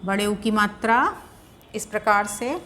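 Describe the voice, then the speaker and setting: A woman teaching grammar in a patient, deliberate way, sounding out syllables one by one. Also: medium pitch, fairly bright tone, a little hiss or hum. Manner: patient, repeats syllables slowly and drawn out for pronunciation. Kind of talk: slow, deliberate classroom explanation.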